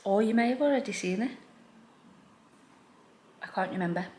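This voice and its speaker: A woman's voice: medium pitch, moderate pace, a little mellow. Chatty woman, echoey room. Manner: informal, self-deprecating, thinking aloud. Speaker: home renovation vlogger. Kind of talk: casual chatty room-tour vlog. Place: indoors in a living room. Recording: echoey room, background noise.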